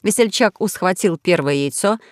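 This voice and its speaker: A woman reads a children's story aloud in an expressive storytelling manner. Her voice sits slightly low. The recording is dry and close. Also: normal speed, dry recording. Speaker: narrator. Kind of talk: audiobook story reading.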